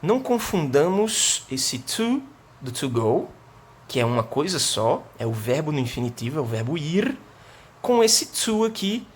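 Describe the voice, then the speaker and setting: A man from Brazil with a Northeastern Brazilian accent gives a remote lesson in a fairly high voice. He explains step by step and keeps checking in with the class. Faint noise hums behind him. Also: very animated, measured pace. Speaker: English teacher.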